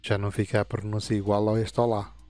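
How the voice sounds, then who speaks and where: A fifties-aged man talks viewers through a chat setup. His voice sits low, and he rambles and restarts as he clicks through menus. Faint music plays underneath. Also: level tone, darkish tone. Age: 50s. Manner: meandering, halting explanations with frequent restarts. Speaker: gaming channel host. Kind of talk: casual screen-recorded tutorial.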